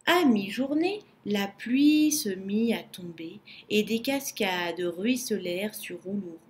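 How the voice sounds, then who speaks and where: A woman narrating a children's storybook in a slow, expressive way. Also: medium pitch.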